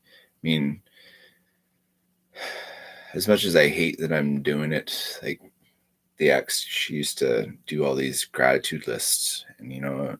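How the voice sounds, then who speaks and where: A man's voice: extremely low pitch, steady tone, slow, pauses often, fairly bright tone. A man with a stuffy nose chatting casually on a live stream, rambling and repeating his words.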